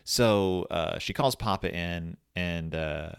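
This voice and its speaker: Deep-voiced man telling a rambling story. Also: slow, creaky, smooth, no room sound, studio quality. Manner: rambling, self-correcting, animated. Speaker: book reviewer. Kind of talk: casual storytelling commentary.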